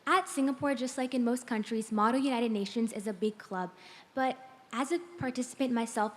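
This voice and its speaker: A woman's voice: a little high, big-room sound. A teenage female student asking an earnest question into a handheld mic in an auditorium. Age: teens. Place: large lecture auditorium.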